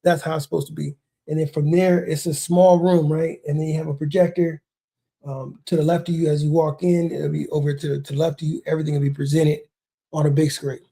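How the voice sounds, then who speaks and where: A man's voice: fairly high pitch, creaky, dark tone. A man, a realtor hosting his own video, explaining a process in a loose, conversational way, often repeating words and saying "man" and "bro.". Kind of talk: casual explainer talk. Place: lives near a large Texas city.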